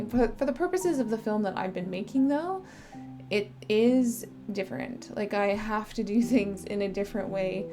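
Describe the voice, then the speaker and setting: A woman filmmaker talking in a casual podcast monologue. Her voice is strained and she sucks a cough candy as she talks, chatty, with fillers and pauses. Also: mid-range voice. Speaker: filmmaker sharing her experience.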